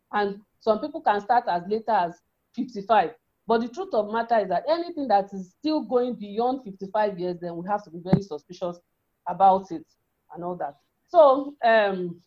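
A woman's voice: mid-range voice, darkish tone. Dull lo-fi recording of a woman explaining. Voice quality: feminine voice. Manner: repeats and rephrases as she explains. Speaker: women's health educator. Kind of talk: explanatory health talk with a visual model. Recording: dull, lo-fi sound.

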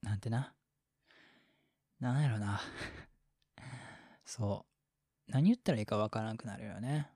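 A husky Kansai-accented man chats as a boyfriend in a whispered role-play, rambling from one thought to the next and laughing at himself. His voice sits at a middle pitch, close and dry to the mic, with breathy asides. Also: a little slow, pauses often, dark tone, dry recording. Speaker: boyfriend in a situation voice.

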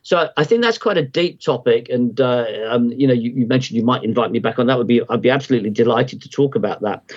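A man talks as a podcast guest, explaining ideas at length and circling back with plenty of ums and false starts. His voice sits at an ordinary middle pitch. The audio is a little dull and lo-fi, like a remote call. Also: quick pace. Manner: rambling, many ums and restarts. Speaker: podcast guest, market timing analyst. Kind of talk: conversational explanation.

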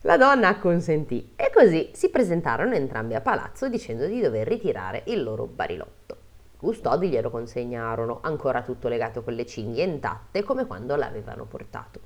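Expressive woman telling a folk tale. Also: rumbling low, fairly quick. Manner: expressive, laughs easily. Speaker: podcast host reading a folk tale. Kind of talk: storytelling with joking asides.

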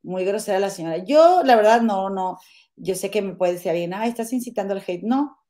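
A woman's voice: medium pitch, animated, brisk, mellow. Mexican woman on a gossip show, super scandalized, slangy and blunt. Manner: scandalized and outspoken, uses slang like "güey" and "vato". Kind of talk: casual gossip chat.

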